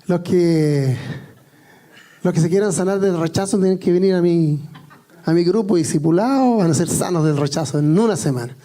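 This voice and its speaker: A man's voice: sits high, normal speed, warm tone. A man with a Chilean accent preaching a sermon, telling personal stories in a joking, conversational way.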